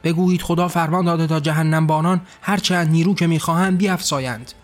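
A man voicing a furious, frightened male god who rules as a tyrant and shouts commands. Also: on the high side, steady tone, soft background music, natural voice. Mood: raging.

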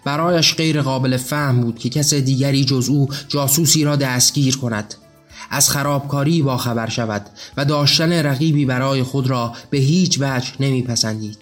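A male storyteller narrates in a steady, measured way. His voice sits at an ordinary middle pitch. Faint background music runs beneath the reading.

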